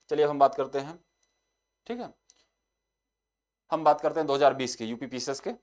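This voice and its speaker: A young man teaching an exam-prep lesson. He keeps repeating the same short filler and reads each example sentence slowly. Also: medium pitch, darkish tone.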